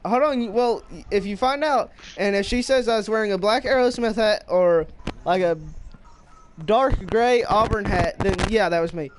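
A man's voice: high voice, brisk, slight background noise. A teenage boy streaming a game, chatting loosely with friends and laughing often.

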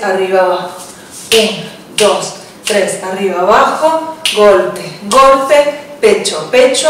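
A woman's voice: medium pitch, slight background noise. A belly dance teacher, counting beats and calling out moves while she dances. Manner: counts beats aloud while dancing, brief cues. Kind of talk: counting and cueing a dance class. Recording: echoey room, voice from a distance. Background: dance music.

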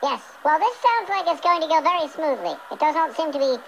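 A man's voice: very high voice, very animated, a little fast, gravelly, muffled recording, full character voice. A man voicing a chatty, theatrical British chipmunk on a comic radio phone-in, stammering and repeating himself politely. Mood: playful, fussy. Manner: stammering, repetitive, over-polite. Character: fourth, forgotten chipmunk from England, chatty, fussy, theatrical. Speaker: phone-in host character. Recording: noisy radio played through TV speaker.

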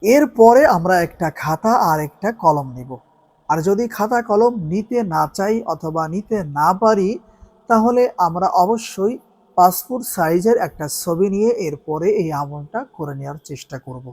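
A man giving religious instruction in an earnest, instructive way, slowly drawing out the recited Arabic phrases. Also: sits high, animated, darkish tone. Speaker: Islamic devotional teacher.

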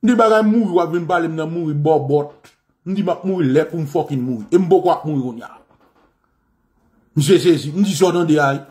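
A man with a Haitian accent, a political activist and radio host, giving a fiery, repetitive monologue that rises to shouts and swearing. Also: on the high side, moderate pace.

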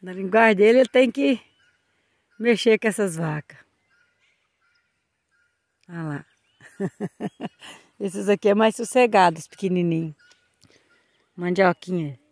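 A woman's voice: mid-range voice, slow pace, long pauses, no room sound. A woman, filming her family's farm animals on her phone, chatty and laughing often, talking sweetly to the calves. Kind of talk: casual chat while filming. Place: farm outdoors. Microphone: phone held while filming.

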